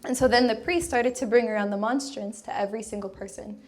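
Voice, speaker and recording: A young woman, a religious sister, telling her personal testimony in a lively, laughing storytelling way with lots of casual fillers. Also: a little high, fast.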